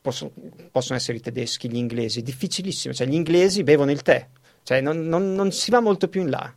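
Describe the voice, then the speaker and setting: A man's voice: fairly high pitch, quick pace, darkish tone. A man hosting a radio talk show in a studio, chatting animatedly and laughing often, with frequent restarts. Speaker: radio host. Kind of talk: casual studio chat.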